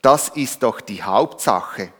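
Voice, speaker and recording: A man's voice: lowish voice, animated, slow pace, breathy edge, full character voice. A man voicing a bear who grumbles about wanting his Christmas cake, in a reverberant hall. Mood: grumbling. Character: grumbling bear craving sweets.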